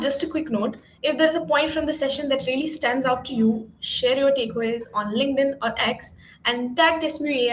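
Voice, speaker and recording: A woman with a high, bright pitch opens the session as its host, reading a scripted introduction in a clear, upbeat way. Her voice rings in a reverberant room. A faint hiss sits under the recording. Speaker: event host.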